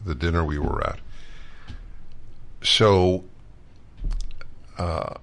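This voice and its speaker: Older man, podcast host, low gravelly voice, heartfelt casual talk. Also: extremely slow, fairly bright tone. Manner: emotional, choked up.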